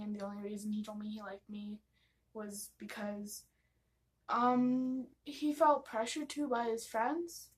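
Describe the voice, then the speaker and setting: A woman's voice: on the high side, poor audio. A young American woman telling personal stories in a casual vlog, gossipy, giggly and rambling, acting out bits of dialogue as she goes. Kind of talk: casual confessional storytime.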